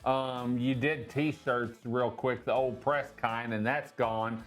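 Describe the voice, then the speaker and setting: A man's voice: medium pitch, fairly even intonation, takes it slowly, soft background music. A man hosting a casual local interview, upbeat and promotional as he guides the talk. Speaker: interview host.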